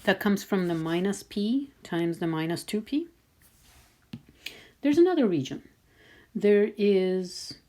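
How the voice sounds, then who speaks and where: Slow, low-voiced woman math teacher. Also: dark tone. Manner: slow, patient, thinking aloud while drawing. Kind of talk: screen-recorded lesson walkthrough.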